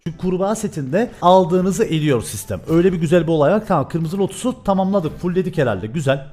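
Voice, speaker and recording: A man chatting excitedly while opening game crates, shouting and swearing at his luck. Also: a little high, fast, faint music behind. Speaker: gaming YouTuber. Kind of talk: excited gameplay chat.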